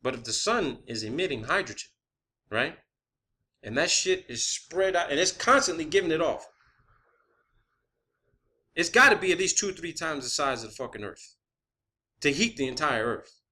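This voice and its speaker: This man's voice is a little high, pushed and bright, with lively intonation at a normal speed and frequent pauses. An amateur science vlogger, he improvises an emphatic, profane explanation, repeating words for stress and confirming points with questioning tags.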